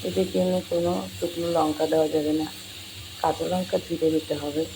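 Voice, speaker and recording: A home cook with a voice gone hoarse from a cold, explaining a recipe step by step and addressing viewers as friends. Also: medium pitch, level tone, fast talker, background noise. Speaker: home cook hosting a cooking channel. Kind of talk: cooking tutorial with step-by-step talk. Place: home kitchen. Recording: home kitchen with sizzling and clattering pans.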